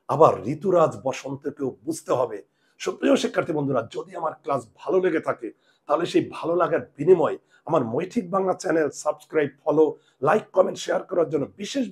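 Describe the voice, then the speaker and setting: Man, grammar teacher, video lesson, emphatic, repeats points, slightly high voice. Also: darkish tone. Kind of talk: classroom-style video lesson.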